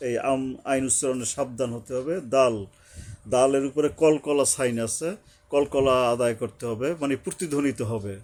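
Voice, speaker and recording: A man gives a recitation lesson. He is patient and methodical, and his voice sits at an ordinary middle pitch. He repeats single syllables and draws out recited words slowly so they can be copied. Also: steady tone, a little mellow. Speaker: Quran recitation teacher.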